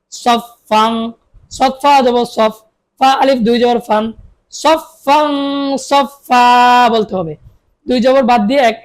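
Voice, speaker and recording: A woman with a Bangladeshi Bengali accent teaches Quran reading in a patient recitation drill. Her voice sits a little high as she spells syllables out, stretches them into long drawn sounds, and asks questions she answers herself.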